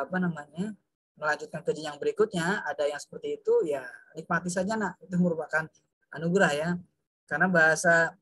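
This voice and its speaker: A man's voice: on the high side, pushed and bright, no echo. A man teaching a class of pupils in a chatty way, with frequent fillers, addressing the students fondly as children. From Indonesia. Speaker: religious studies teacher. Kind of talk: online class lesson.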